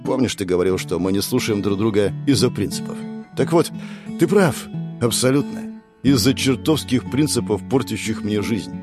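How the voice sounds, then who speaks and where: A man voicing a tired, sad, inhuman death-like being who speaks quietly and sighs. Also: on the low side, animated, normal speed, music in the background, close to an everyday voice. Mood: weary.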